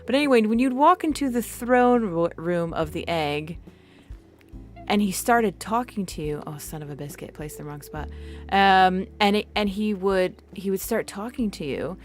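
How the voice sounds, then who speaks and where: A woman's voice: medium pitch, moderate pace, soft background music. A woman from New York chatting casually on a game stream, telling a long story with many restarts and laughs. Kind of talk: casual chat while gaming.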